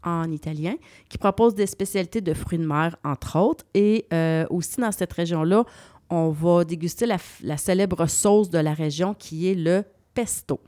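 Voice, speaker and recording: Québécois woman, travel columnist, dry close sound, lively explainer. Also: lowish voice, normal speed, no echo. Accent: Québécois French. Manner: lively, explanatory, spells out place names. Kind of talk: radio travel segment.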